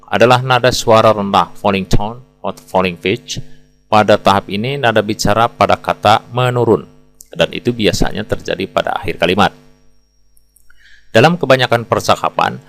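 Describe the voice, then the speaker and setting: A man with a very deep voice narrates a pronunciation lesson in a calm, explanatory way. Soft music plays faintly behind him. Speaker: English pronunciation teacher.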